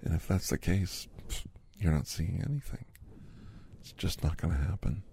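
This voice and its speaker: A man's voice: sits low, lively intonation, normal speed, creaky, mellow, a little hiss or hum. A man doing a whispered role-play as a chatty doctor in his fifties who gives a massage, rambling easily in a half-whispered voice. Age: 50s. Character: chatty fifty-something male doctor giving a massage. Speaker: ASMR host.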